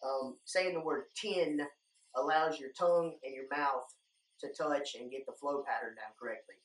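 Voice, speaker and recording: A man's voice: mid-range voice, steady tone, normal speed. Young guy teaching stuff in a laid-out casual how-to way, plain talker, roomy echo, bit far from the mic. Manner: informal, plain-spoken, addressing viewers as guys. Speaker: duck calling instructor, video host. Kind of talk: casual instructional talk to viewers. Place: indoor room lined with duck decoys. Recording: echoey room, distant microphone.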